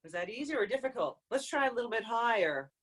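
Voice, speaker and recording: A woman vocal coach leading a live online group singing lesson, explaining exercises and breaking into loud demonstration hoots and calls. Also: on the high side, animated, fast talker. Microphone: video call.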